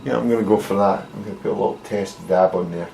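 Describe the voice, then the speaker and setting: A Scottish man working through a casual workshop tutorial as a bass luthier, muttering wry jokes and swearing casually. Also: fairly even intonation, fast, vocal fry, mellow, faint music behind. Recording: echoey room.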